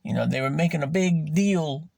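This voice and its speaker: A man talks on his podcast in a raspy, gravelly voice pitched a little high. He is blunt and profane and slows down to stretch the words he wants to stress. The sound is dry and close, with no room echo. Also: darkish tone. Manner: raw, emphatic, swears freely. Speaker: podcast host. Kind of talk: candid personal monologue.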